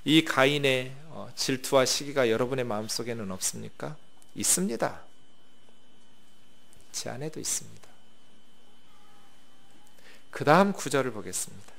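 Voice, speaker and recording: A man's voice: medium pitch, animated, moderate pace, gravelly, long pauses, a bit bright. A male pastor preaching a Sunday sermon in a plain-spoken, conversational way, asking his congregation rhetorical questions.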